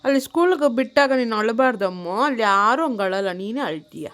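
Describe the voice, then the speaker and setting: A woman filming a casual home vlog, talking gently and coaxingly as a mother and chatting to her viewers. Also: on the high side, animated, a little fast. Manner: gentle, coaxing, soft-spoken. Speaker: vlogger and mother.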